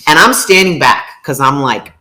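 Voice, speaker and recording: A woman's voice: low-pitched, animated, normal speed, sharp tone. A woman co-hosting a podcast, telling a story in casual, profane chat and acting out what people said. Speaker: podcast co-host.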